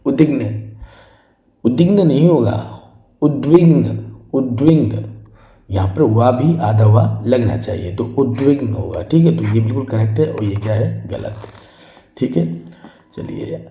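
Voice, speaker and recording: A man teaching an exam-prep spelling lesson, saying each word slowly and more than once, then asking the class what the right answer is. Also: medium pitch, animated, gravelly, mellow, roomy sound. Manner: drills each word slowly and repeatedly, asks the class questions. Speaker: Hindi teacher.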